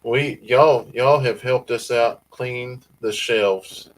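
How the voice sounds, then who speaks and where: A slow-talking man with a medium-pitched voice and a Southern US accent hosts a casual livestream from a family farm, reading out viewer comments in a laid-back drawl. The audio quality is poor.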